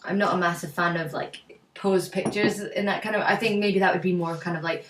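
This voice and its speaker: A woman's voice: lowish voice, steady tone, brisk, a little hiss or hum. A woman co-hosting a casual photo critique, giving her views with many ums and likes. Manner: hesitant, lots of ums and likes. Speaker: co-host. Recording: roomy, mic at a distance.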